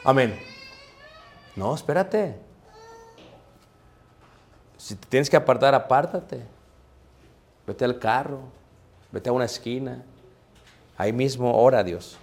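A man's voice: mid-range voice, animated, takes it slowly, vocal fry, long pauses, darkish tone. A man preaching a sermon, talking to the congregation in a conversational way and asking them rhetorical questions. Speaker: pastor.

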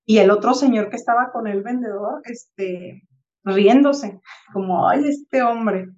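A woman's voice: mid-range voice, a little slow, lo-fi sound. A Mexican woman in her thirties chatting casually on a podcast, telling a reflective everyday story and acting out the people she quotes. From Tijuana, Mexico. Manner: reflective, animated anecdote-telling with acted-out quotes. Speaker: podcast co-host.

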